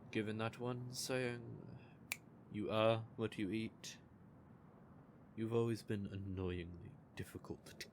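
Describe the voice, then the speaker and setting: In an audio roleplay, a man plays a smug male vampire who teases and menaces in a playful way. His voice sits lowish, with a little noise in the background.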